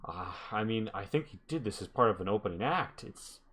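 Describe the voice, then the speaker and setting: A man acts out a protective local woman in a tabletop game. The voice is on the low side. She is wary and speaks bluntly and defensively. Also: expressive, a little fast, fairly bright tone, slight background noise. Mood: convinced. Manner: blunt, defensive, hesitant starts.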